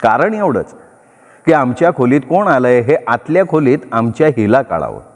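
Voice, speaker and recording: A man telling a story aloud in a lively, expressive narrating style. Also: mid-range voice, normal speed. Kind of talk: dramatic story reading. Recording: long reverb.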